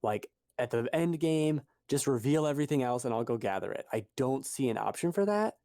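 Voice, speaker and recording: A man's voice: medium pitch, expressive, brisk, warm tone, no room sound, studio quality. Rambling man chatting on a podcast. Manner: rambling, self-correcting, chuckles at himself. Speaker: podcast co-host. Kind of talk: casual chat.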